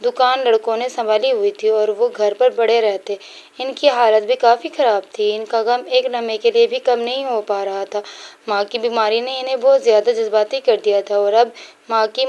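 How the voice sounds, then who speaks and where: Female storyteller for a story channel, earnest first-person telling, slightly high mellow voice.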